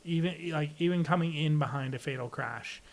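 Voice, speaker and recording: An air traffic controller appears as a podcast guest, speaking candidly in a plainspoken, reflective way as he explains things. His voice is a little high and his pace fairly quick.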